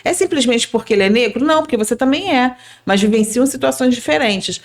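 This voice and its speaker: A woman's voice: on the high side, lively intonation, brisk. A woman with a Brazilian accent, a podcast guest explaining her ideas earnestly and checking that listeners follow. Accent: Brazilian Portuguese. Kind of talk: casual explanatory chat.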